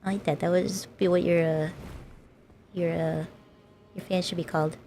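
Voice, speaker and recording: A woman's voice: fairly low pitch, fairly even intonation, moderate pace, mellow. A woman livestreamer chatting casually while she plays a game, with a playful, cute anime-streamer manner. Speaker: livestreamer, VTuber host. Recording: music playing behind the voice.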